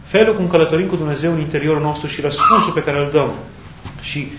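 A man preaching a sermon in a thoughtful way, pausing and searching for words as he goes. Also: fairly high pitch. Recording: echoey, dull sound with faint background hiss.

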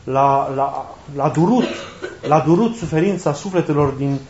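A man's voice: a little high, a little mellow, slight background noise. A man preaching a sermon in a conversational way, asking rhetorical questions and repeating his key phrases. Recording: roomy, dull lo-fi recording.

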